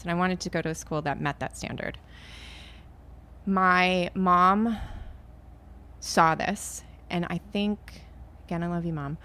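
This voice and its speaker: A woman's voice: fairly low pitch, fairly bright tone. A middle-aged woman from Maine, a podcast guest, talking in a chatty, self-deprecating way. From Maine, USA. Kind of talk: conversational interview.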